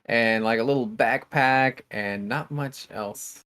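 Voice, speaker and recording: A man talking loosely as a tabletop player, piling up filler words as he describes what his tiny fairy character does. His voice sits at an ordinary middle pitch, and his delivery is relaxed and chatty. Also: slow, clear, resonant tone. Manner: casual, rambling with fillers.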